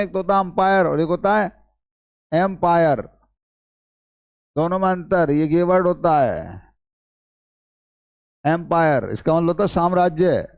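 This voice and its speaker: A male teacher runs a classroom-style English lesson, pitched a little high. He keeps firing questions at the class and repeats each point, calling his students brother. The sound is dry and close. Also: creaky, a little mellow, dry recording.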